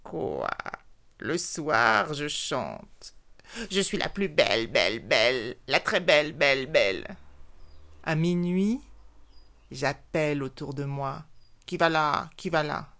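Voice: medium pitch, fairly even intonation, measured pace, vocal fry, fairly bright tone. A storyteller voicing a curious, talkative and vain female frog who keeps blurting out "quoi?" in a storybook tale. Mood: boastful. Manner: keeps blurting "quoi?" and crowing about herself. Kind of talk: storybook narration.

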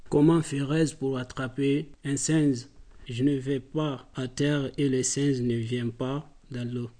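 Storybook: a dim-witted young crocodile, booming and dark, played by a woman. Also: fairly even intonation, heavily acted. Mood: scheming. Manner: slow, heavy, booming. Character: slow-witted young male crocodile, menacing.

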